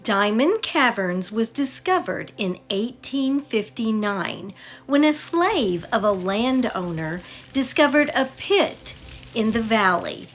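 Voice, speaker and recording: A woman's voice: on the high side, big pitch swings, takes it slowly. A woman travel vlogger giving scripted narration of a sightseeing trip.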